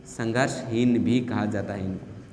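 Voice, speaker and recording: A man's voice: fairly low pitch, fairly even intonation, unhurried, darkish tone. A man teaching a Hindi grammar lesson for exam prep, asking questions and answering them himself. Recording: echoey room with long reverb.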